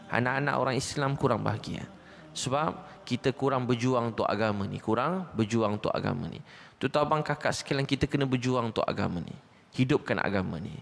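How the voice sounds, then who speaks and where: A man with a Malaysian Malay accent preaching a sermon, telling stories and climbing high in pitch to drive his points home. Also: creaky. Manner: animated, rising to a high pitch when stressing a point. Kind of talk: sermon storytelling. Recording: long reverb of a hall.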